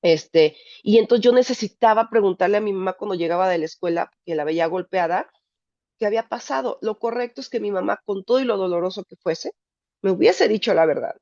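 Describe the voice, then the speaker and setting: A woman's voice: medium pitch, a little fast, mellow, dry recording. A woman psychologist giving a candid, emphatic personal talk to a support group. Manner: candid, emphatic, frank language. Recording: dull dry lo-fi recording.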